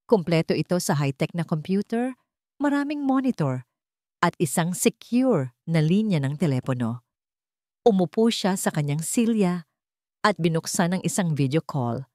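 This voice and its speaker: A woman with a Filipino accent narrates a scripted dramatic story in a fairly low, darkish voice. The recording is clean studio sound with no room noise.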